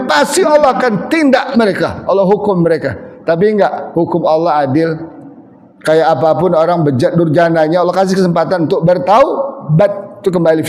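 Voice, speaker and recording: Forceful male preacher in a mosque. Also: high-pitched. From Sumatra. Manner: loud, forceful, humorous storytelling. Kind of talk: mosque sermon. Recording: long reverb of a mosque hall.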